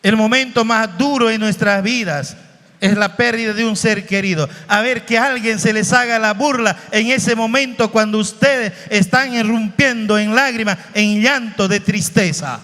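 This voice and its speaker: Man from Bolivia, high voice, unhurried emotional preaching, reverberant hall. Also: pushed and bright. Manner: slow, emotional preaching with dramatic shifts in voice. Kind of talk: sermon. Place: church hall.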